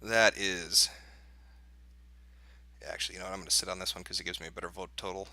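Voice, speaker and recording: A man's voice: low-pitched, monotone, racing, bright, forceful tone, dry recording. A man hosting a livestream as an off-the-cuff election night analyst, thinking aloud as he reads out results in casual live commentary. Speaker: livestream host.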